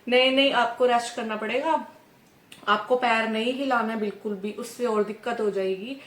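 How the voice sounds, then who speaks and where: A woman's voice: on the high side, fairly even intonation, moderate pace, roomy sound. A young woman from India chatting casually to camera in a vlog, telling a story and acting out the back-and-forth with others. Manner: chatty, often adds "ठीक है" and acts out dialogue. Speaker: vlogger.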